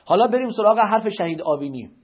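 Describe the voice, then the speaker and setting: A man lectures on religion in a high, husky voice, pressing his listeners with question after question. His teaching tone is didactic and rhetorical. The recording is dull and lo-fi. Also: animated.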